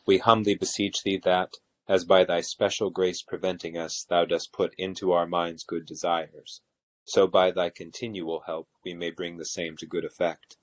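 Very deep-voiced man reciting liturgy. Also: flat delivery, moderate pace. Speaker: officiant leading evening prayer.

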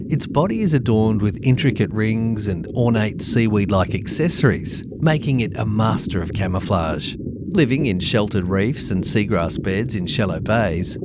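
Male podcast narrator, nature documentary style, lowish pitch, highly varied intonation, scripted and informative. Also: heavy background noise. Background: background music.

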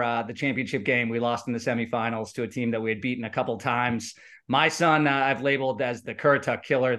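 A man's voice: medium pitch, fairly bright tone. A man in his forties co-hosting a podcast, talking reflectively and repeating words as he thinks aloud. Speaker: podcast co-host. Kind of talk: casual chat.

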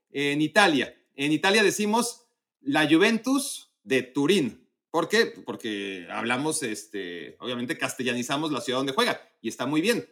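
A man's voice: on the high side, pushed and bright. A man co-hosting a podcast, chatting casually about football and explaining things at length with many restarts. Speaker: podcast co-host.

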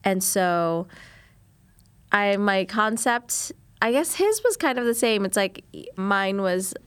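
A young woman from New Orleans, a chef competing on a cooking show, answers interview questions candidly and laughs easily. Her medium-pitched voice is smooth and animated, though she speaks slowly, and the recording has no echo.

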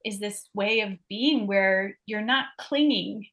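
A middle-aged woman answering interview questions on a podcast. She speaks in a middle register and reflects on each point aloud, with pauses and fillers as she gathers her thoughts. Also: mid-range voice, a bit bright. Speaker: guest.

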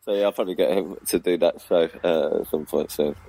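A man's voice: low voice, steady tone, a little fast, creaky, warm tone, low-quality recording. A man, a comedy club promoter and compere, chatting as a guest on radio in a rambling way, laughing often and filling with ums. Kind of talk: casual radio chat. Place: radio studio.

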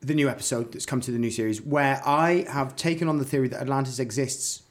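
A Welsh man hosts a comedy podcast with earnest, puffed-up gravity, as if every point were a grand discovery. His pitch sits in an ordinary middle range. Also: fast. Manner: earnest, self-important investigator tone. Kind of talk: mock-serious comic banter.

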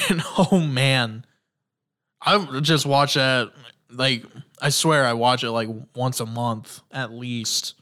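Speaking slowly in a mid-range voice that is bright and forceful, this man hosts a casual sports podcast on his own. His storytelling is enthusiastic and rambling, full of fillers and restarted sentences.

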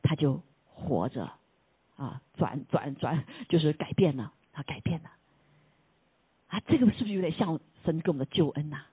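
A husky preacher speaks with a lively, swinging pitch, giving a casual sermon full of questions put to the listeners. English words slip into the talk, and many lines end on a soft "ha". The sound is thin and phone-like, with a dry, close feel and no room echo. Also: normal speed. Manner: asks the listeners rhetorical questions; mixes English words into Chinese speech. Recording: tinny phone-like line, dry.

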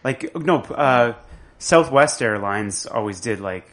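A man's voice: mid-range voice, animated, slow, a bit bright. A man, chatting casually and telling stories animatedly, with plenty of swearing. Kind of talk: casual chat.

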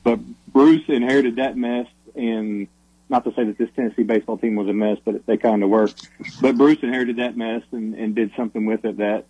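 A man's voice: medium pitch, fairly even intonation, brisk, mellow, husky, no echo. Male radio show caller on a muffled line. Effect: calling in over a phone line. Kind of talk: casual sports talk call-in. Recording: muffled dry phone-line audio.

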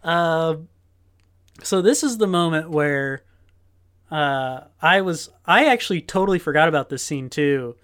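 A man's voice: fairly high pitch, expressive, unhurried, fairly bright tone, clean tone. A man co-hosting a podcast, casually retelling a movie scene by scene with lots of fillers. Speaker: podcast co-host. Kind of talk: casual movie-recap chat.

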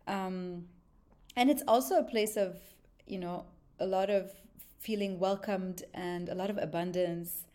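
A Lebanese woman appears as a podcast guest in a conversational interview, speaking as the founder of a consultancy. Her fairly low voice is mellow, steady and unhurried, and she talks earnestly and reflectively, dropping in frequent ums.

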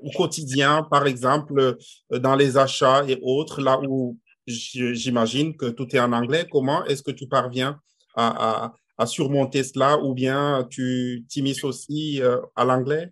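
A man's voice: medium pitch, fairly even intonation, unhurried, a bit bright. A man interviewing a guest, asking long questions broken up by many fillers and repeated words.

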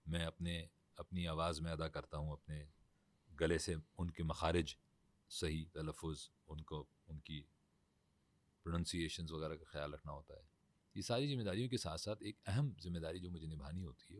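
A man, a voice-over artist telling stories in a formal, emphatic way in a casual studio talk. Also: very deep voice.

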